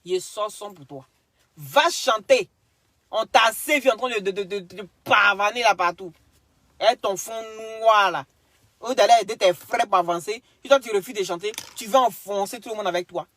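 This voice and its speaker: A woman's voice: mid-range voice, normal speed, no echo. Scolding woman. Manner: scolding and insulting, swings loud and quiet, mixes in broken English. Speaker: social media commentator. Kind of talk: ranting clash video.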